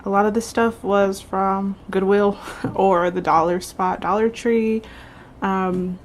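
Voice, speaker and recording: Female vlogger, middle pitch, casual explanatory chat, home recording with slight noise. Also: fairly even intonation, takes it slowly. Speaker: vlogger and candle maker. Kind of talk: casual vlog chat and tutorial. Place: indoors at home. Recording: faintly noisy home recording.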